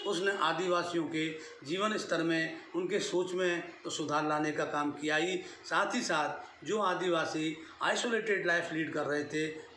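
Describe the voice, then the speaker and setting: A man's voice: on the high side, a bit bright. Man lecturing in an echoey room. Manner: explanatory, mixes English terms into his speech. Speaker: history lecturer. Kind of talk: unscripted classroom-style lecture. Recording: echoey room with faint hiss.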